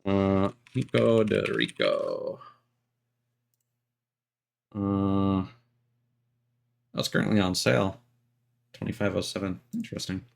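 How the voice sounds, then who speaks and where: Over background video game music, a male livestreamer gives loose gameplay commentary, wandering off topic and swearing now and then. He speaks slowly in a low, expressive voice with vocal fry and frequent pauses.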